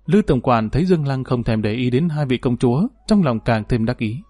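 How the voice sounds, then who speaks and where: A man's voice: mid-range voice, expressive, fairly quick, darkish tone, no room sound, soft background music. A man narrating a historical novel, reading steadily and lifting his voice when characters speak. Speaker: audiobook narrator.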